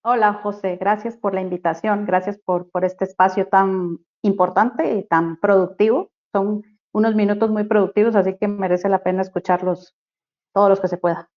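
Speaking with a medium, steady tone, this woman from Costa Rica discusses human rights as an interview guest. She thinks aloud in a casual way, hesitating, restarting and using lots of fillers while reaching for words, in a dull lo-fi recording.

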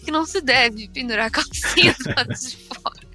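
A woman with a Brazilian accent co-hosting a podcast, animated and jokey in casual chat. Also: high voice, brisk, soft background music. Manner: animated, jokey, laughs often. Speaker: podcast co-host.

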